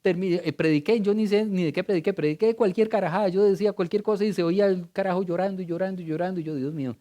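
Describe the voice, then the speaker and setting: A middle-aged male pastor, preaching a sermon in a church. He tells stories in a conversational way and swings between loud and hushed. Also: sits high, racing.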